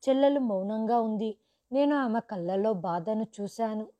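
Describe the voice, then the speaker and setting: Woman storyteller, dramatic narration, higher voice, mellow tone. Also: normal speed. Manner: dramatic, acts out quoted lines with raised voice. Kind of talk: scripted first-person narration.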